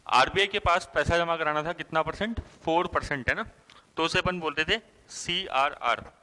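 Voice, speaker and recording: A man's voice: a little high, pushed and bright. Man teaching an exam-prep class in a reverberant room. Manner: asks questions and answers them himself; explanatory, with frequent "thik hai" and "hai na" checks.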